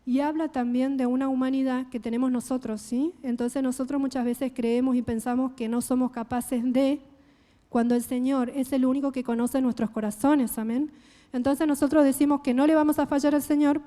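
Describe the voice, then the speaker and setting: A woman with an Argentine Spanish accent preaching a sermon in a church, deliberate and often checking in with her listeners. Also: high voice, fairly even intonation, mellow. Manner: deliberate, checks in with frequent "¿sí?" and "amén". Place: church hall. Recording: reverberant church hall.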